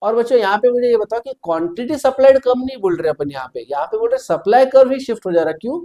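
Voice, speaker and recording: A man with a very high, expressive, mellow voice teaches an exam-prep lecture. He explains step by step and checks in with his students often. Mixing Hindi with English terms, he reads the questions slowly.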